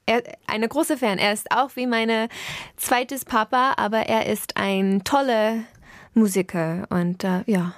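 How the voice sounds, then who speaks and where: A singer from Pennsylvania, a native English speaker, speaks German with an American accent as a guest in a casual studio interview. Her voice is fairly high and fairly even in intonation, she speaks slowly with no echo, and she makes grammar slips while searching for words.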